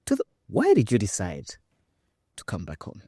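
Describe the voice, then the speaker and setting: Low-voiced male host from Rwanda, emphatic and chatty, dry close sound. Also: moderate pace, breathy edge, no echo. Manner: lively, emphatic, with frequent fillers. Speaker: podcast host. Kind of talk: conversational interview.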